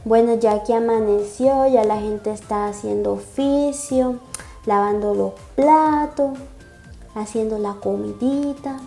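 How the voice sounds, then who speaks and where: A woman's voice: fairly high pitch, takes it slowly, vocal fry, warm tone. Gushing young woman in an echoey room. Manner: gushing, sighing often. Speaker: webcomic reaction vlogger. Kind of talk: reading and reacting to a comic. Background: faint music.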